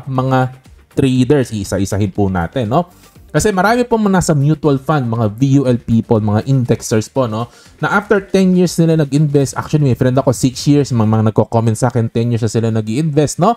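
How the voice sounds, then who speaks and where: A man's voice: fairly high pitch, a little mellow. A man hosting an investing channel, talking casually to camera with a frequent tag question and English phrases mixed in. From Philippines.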